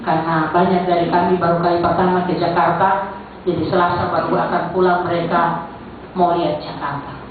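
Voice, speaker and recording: A middle-aged woman from Central Sulawesi, Indonesia, chairs a church council and speaks with a Sulawesi Indonesian accent. Her fairly low, brisk voice moves little in pitch as she gives a conversational testimony, addressing the congregation directly. The recording comes from an echoey church hall through a distant mic, sounding phone-like with faint noise.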